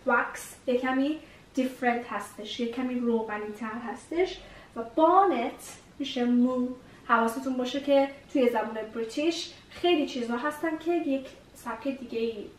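A woman's voice: on the high side, recorded from a distance, slight background noise. A woman teaching English vocabulary, repeating each new word several times as she explains it. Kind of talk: vocabulary lesson. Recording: echoey room, voice a bit off-mic.

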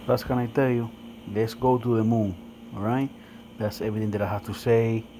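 A man with non-native English phrasing hypes things like an excited crypto bro in a casual vlog, often tacking "man" onto his sentences. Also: lowish voice, a little fast. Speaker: crypto video host. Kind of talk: casual screen-recorded vlog commentary. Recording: noisy phone screen recording.

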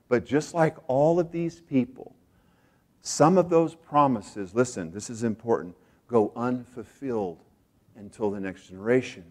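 An American pastor delivers a sermon in a medium-pitched voice, repeating phrases for emphasis. He swings between hushed asides and loud, excited peaks.

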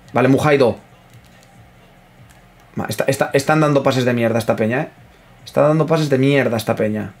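A man commentating his own football video game, excitable, swearing freely and talking to his chat. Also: medium pitch. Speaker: gaming streamer. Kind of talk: live gameplay commentary.

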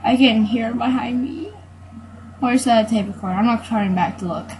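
Excitable high-voiced gamer girl, noisy room. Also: a little fast. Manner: excitable, frightened, yelling when chased. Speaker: gamer playing a horror game. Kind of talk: casual let's-play commentary.

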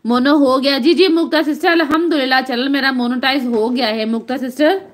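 A woman's voice: sits high, steady tone, brisk. A woman with a Pakistani accent hosting a casual live stream from home on a phone, greeting viewers by name in a chatty way. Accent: Pakistani Urdu. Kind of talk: casual live-stream chat reading comments. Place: home, indoors. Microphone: phone on tripod.

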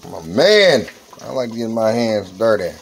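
A man's voice: on the low side, quick pace, vocal fry, darkish tone, a little hiss or hum, low-quality recording. A man, chatting playfully through a casual home cooking vlog in his kitchen. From Southern United States. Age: 40s. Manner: playful, repetitive exclamations. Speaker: home cook, channel host. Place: home kitchen with countertop fryer.

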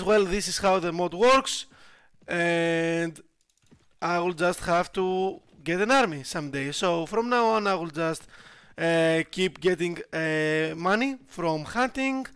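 High-voiced, unhurried gamer man. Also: a bit bright, smooth, dry recording. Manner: frustrated, swearing, laughing at himself. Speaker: gameplay streamer. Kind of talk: casual game commentary.

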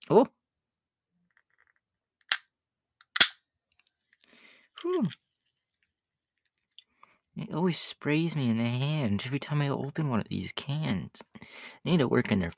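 A man voicing a shy, gentle young catboy in a soft, hesitant ASMR role-play for an audio story. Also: mid-range voice, creaky, no room sound, clean studio sound. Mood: bashful, grateful. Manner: hesitant, bashful, soft-spoken with nervous giggles.

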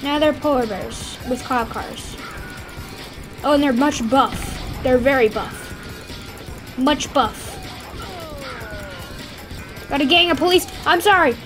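A woman giving playful, excitable commentary while playing a game, squealing and yelping whenever things go wrong. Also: high-pitched, slow pace, pauses often, soft background music. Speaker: gameplay streamer.

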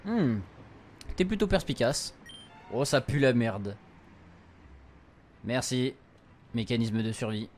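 Game music plays while a young male streamer works through a laid-back let's play. He reads the dialogue aloud in casual slang as he translates it. His medium-pitched delivery is slow, with frequent pauses.

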